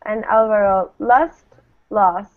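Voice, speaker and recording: A woman leads a live online English pronunciation lesson, drilling word pairs at a slow pace. Her medium-pitched voice comes through with phone-quality sound, thin as call audio, as she encourages and carefully enunciates model words.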